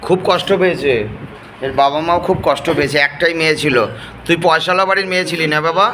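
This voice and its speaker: A man gently and softly coaxing a possessed person with repeated questions during a ritual. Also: a little high, quick pace, slight background noise. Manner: soft, coaxing, repeats endearments. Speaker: assistant at an exorcism ritual.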